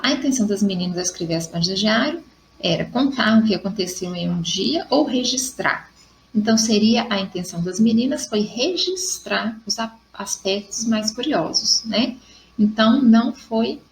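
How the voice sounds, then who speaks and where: A woman's voice: mid-range voice, gravelly, slight background noise, rough recording. A Brazilian woman teacher with a Brazilian Portuguese accent, patiently correcting exercises step by step in a recorded class lesson. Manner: patient, explains step by step, checks in with ok.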